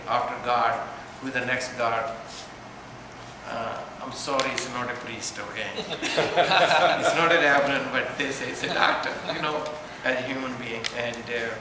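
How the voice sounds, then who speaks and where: At a press conference, an event organizer with a mid-range voice speaks earnestly but haltingly, repeatedly going back to rephrase what he said. The room echoes heavily, and a steady noise runs underneath.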